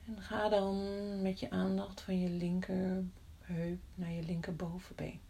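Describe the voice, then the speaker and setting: A woman guides a body-scan meditation in a soft voice that often drops to a whisper. She talks very slowly and calmly, leaving long pauses. Her tone is low and mellow. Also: slight background noise. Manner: slow, calm, with long pauses.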